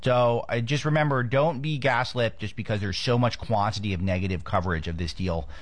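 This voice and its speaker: A man's voice: mid-range voice, a little fast, dry recording. A man from Los Angeles hosting a political commentary show, talking off the cuff with frequent restarts. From Los Angeles, United States.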